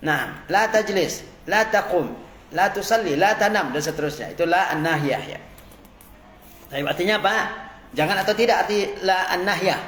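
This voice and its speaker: A man's voice: high voice, lively intonation, normal speed, fairly bright tone, roomy sound, a little hiss or hum. A male Arabic teacher, drilling phrases and explaining grammar in class, asking questions and answering them himself.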